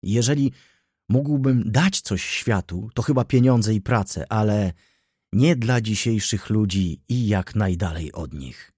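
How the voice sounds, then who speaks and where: A man's voice: fairly low pitch, unhurried, darkish tone, husky, dry recording, studio quality. A man voicing a brooding, disillusioned middle-aged merchant who speaks with bitter self-reproach. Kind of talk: audiobook dialogue reading.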